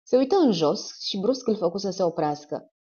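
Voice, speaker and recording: A woman narrating an audiobook in a measured storytelling manner. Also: medium pitch, lively intonation, warm tone, breathy edge, dull audio. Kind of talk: scripted narration.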